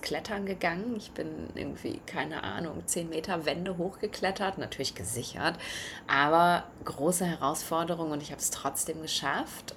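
Woman podcaster rambling through a story, bit low voice, faint hiss behind. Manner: chatty, lively storytelling with many fillers. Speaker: podcast host. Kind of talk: reflective personal monologue.

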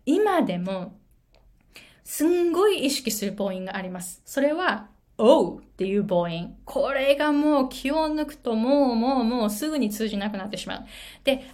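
Animated woman coach. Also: medium pitch. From Japan. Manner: animated storyteller, switches between Japanese and English. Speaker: English pronunciation coach. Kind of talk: casual video lesson with a personal story.

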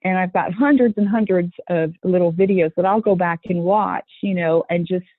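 A woman's voice: on the low side, moderate pace, no echo. A woman being interviewed about her work with children, talking earnestly, restarting her sentences and acting out voices when she quotes people. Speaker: guest running a youth horse program. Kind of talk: conversational interview. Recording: tinny phone-line sound.

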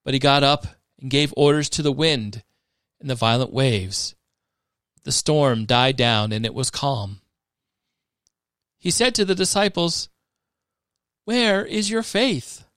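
A man giving a measured, expressive scripted reading of scripture for a podcast. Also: mid-range voice, smooth, no room sound, clean studio sound. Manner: measured, expressive reading that rises for dramatic moments. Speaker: scripture reader.

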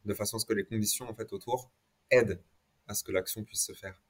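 A man's voice: lowish voice, steady tone, fast talker, husky. A man speaking as an interview guest, reflecting conversationally on his experience and dropping occasional English words into his French.

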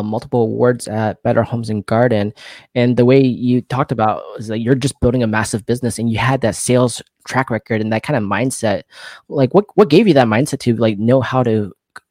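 A man hosting an interview, explaining points in quick lists and asking his guest questions. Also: mid-range voice, dark tone, no echo, clean studio sound. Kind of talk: casual interview talk.

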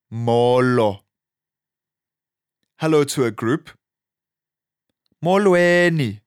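Very slow, deliberate language teacher. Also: mid-range voice, no echo, clean studio sound. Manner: deliberate, spaced-out enunciation. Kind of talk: slow vocabulary lesson, phrase by phrase.

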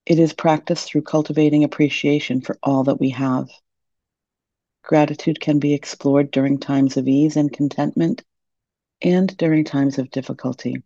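A woman leads a meditation softly, soothingly and gently, her deep, mellow voice carrying a creaky edge. The recording is close, dry and echo-free, though somewhat dull and lo-fi.

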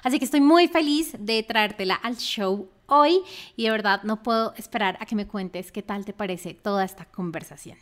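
A woman's voice: mid-range voice, normal speed. A woman hosting a casual podcast interview, talking in an enthusiastic, effusive way. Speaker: podcast host.

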